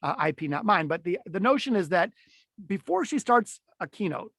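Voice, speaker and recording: A middle-aged man teaching a webinar on storytelling in a conversational, animated way, with frequent fillers and restarts, and his voice swinging up and down as he demonstrates. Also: high voice, moderate pace, creaky, dry recording, studio quality. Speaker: keynote speaker teaching a webinar.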